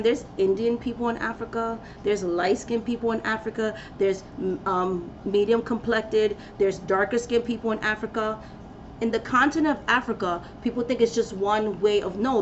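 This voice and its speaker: In a lo-fi recording with a bit of hiss or hum, a woman with a mid-range voice speaks passionately to camera. She's a spiritual practitioner giving a preachy, blunt, emphatic talk meant to stir up her audience, essentially a personal rant.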